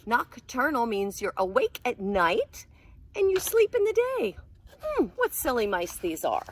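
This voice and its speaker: A preschool teacher reads a picture book aloud to her young pupils in a slightly high, expressive, sing-song voice that often drops to a hush. She is animated, pausing to explain words and ask the children questions.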